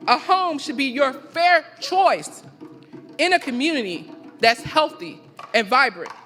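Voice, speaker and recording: A woman from the Carolinas delivers a rhythmic, emphatic keynote at a conference, a poetic spoken-word speech built on deliberate repeated phrases. Her voice is on the high side and a bit bright, heard through a PA in a large, reverberant hall.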